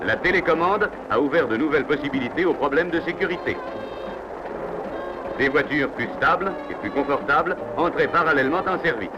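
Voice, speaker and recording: A man's voice: a little high, lively intonation, a little fast. A man reading scripted 1950s newsreel narration in a formal, declamatory announcer's manner. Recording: dull 1950s film soundtrack. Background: loud background music.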